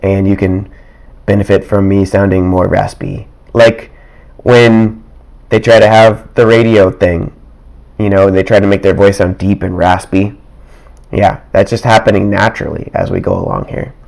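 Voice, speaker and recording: A man casually walks through math examples from his desk, thinking aloud with asides and soft chuckles. His low, darkish voice is raspy and dry, growing rougher as he keeps clearing his throat, delivered at a normal pace on a rough recording.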